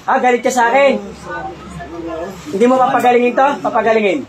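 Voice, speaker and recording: A man's voice: extremely high pitch, fairly even intonation, a little fast. A man working as a faith healer, questioning a spirit insistently and repeating each question. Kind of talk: healing and exorcism session. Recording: crowd noise behind. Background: crowd of onlookers.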